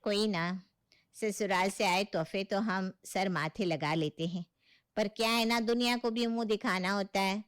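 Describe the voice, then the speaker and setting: A woman's voice: mid-range voice, unhurried, clean tone, close to an everyday voice. A woman voicing an affectionate elderly mother figure in a cartoon story. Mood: gentle.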